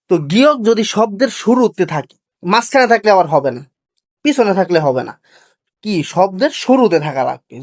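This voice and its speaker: A Korean language teacher, giving an online lesson. The teacher explains slowly and patiently, asks each point back as a question and then answers it. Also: mid-range voice. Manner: slow, patient, drilling explanation.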